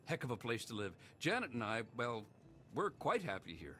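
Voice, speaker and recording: An actor playing a folksy, breezy, slightly patronizing American suburban husband in a video game. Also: male voice, mid-range voice, very animated, moderate pace, bright, forceful tone, faint music behind. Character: folksy, chipper 1950s suburban husband and neighbor. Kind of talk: scripted video game dialogue.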